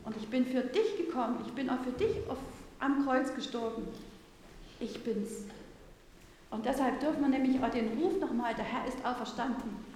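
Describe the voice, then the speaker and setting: A doubting apostle Thomas recounts his story, played by a woman in a lively first-person sermon, turning now and then to the people in the pews. The voice sits high and carries through a very echoey church hall with a long reverb. A faint hum of room noise lies underneath. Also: moderate pace, lightly acted. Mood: earnest storytelling. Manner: lively storytelling, addresses the congregation directly. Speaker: preacher in a church service. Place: large church.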